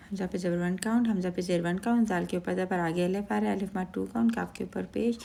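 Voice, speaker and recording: A woman's voice: medium pitch, vocal fry, warm tone. A woman teaching a recitation lesson step by step, methodically spelling out each letter and its count, sometimes asking a question and then answering it herself. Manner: asks and answers her own questions.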